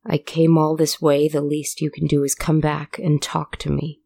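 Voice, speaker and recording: A woman's voice: sits low, little pitch movement, moderate pace, creaky, warm tone, no room sound. A woman voicing a desperate man who pleads, then grows impatient and demanding. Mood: insistent. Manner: insistent, impatient.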